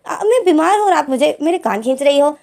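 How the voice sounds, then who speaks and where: A woman's voice: sits high, animated, brisk, darkish tone, pitched above the performer's own voice. A woman voicing a whiny young man, pleading. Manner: pleading, protesting. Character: young man, hurt and whiny with his mother. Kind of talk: storytelling fanfiction reading.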